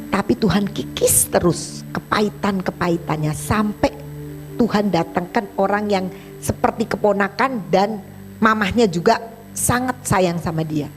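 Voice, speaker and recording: Woman preacher, animated storyteller, plays both sides of the talk, soft music under. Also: mid-range voice. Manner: animated, acts out both sides of dialogues in a chatty colloquial way. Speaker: evangelist preacher. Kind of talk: sermon with storytelling.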